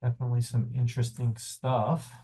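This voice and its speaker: A man hosting sessions over a video call, relaxed and joking. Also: medium pitch, fairly quick. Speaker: session host.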